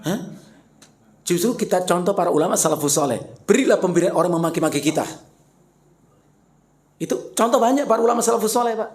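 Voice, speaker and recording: A man preaching a mosque lecture, animated and rhetorical, turning often to his listeners with questions. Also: high-pitched, quick pace, long pauses. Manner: animated, rhetorical questions, addresses the congregation directly.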